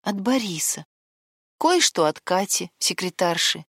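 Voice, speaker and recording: A woman voicing a worried young woman who gently but persistently presses her partner, in an audiobook. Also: fairly low pitch, big pitch swings, unhurried, breathy edge, dry recording, studio quality, heavily acted. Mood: pleading.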